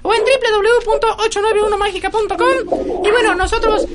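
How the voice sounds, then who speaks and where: A woman's voice: extremely high pitch, steady tone, fast, heavy background noise. A woman hosting a live radio show, playful and chatty. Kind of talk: casual live radio chat.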